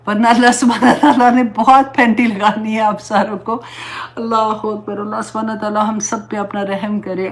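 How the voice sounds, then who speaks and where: Earnest woman giving a religious talk. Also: medium pitch. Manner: earnest, pleading, mixes English words into Urdu. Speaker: Islamic teacher.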